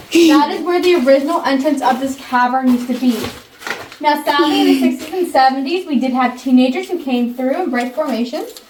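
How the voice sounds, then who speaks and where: A woman giving a memorized guided tour talk, her voice echoing inside a cave. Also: high-pitched. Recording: echoey cave, distant mic, faint noise.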